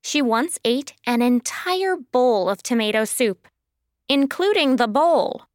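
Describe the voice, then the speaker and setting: A woman narrating a children's audiobook in a slow, sing-song storytelling manner, recorded close to a studio mic. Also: high-pitched, expressive, no room sound.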